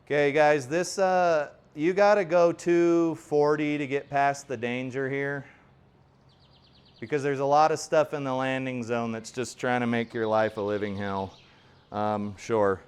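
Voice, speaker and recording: A man's voice: medium pitch, steady tone, a little slow, clean tone. A man in his forties giving casual, rambling, self-deprecating commentary while playing in a home golf simulator. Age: 40s. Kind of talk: casual play-along commentary.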